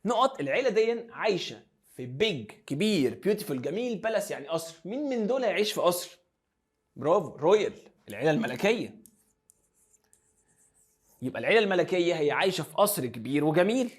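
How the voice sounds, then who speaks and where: A man's voice: fairly high pitch, very animated, a little fast, long pauses, husky. A young man with an Egyptian Arabic accent teaching English vocabulary, mixing Arabic and English and drilling pronunciation. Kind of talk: classroom lesson explanation.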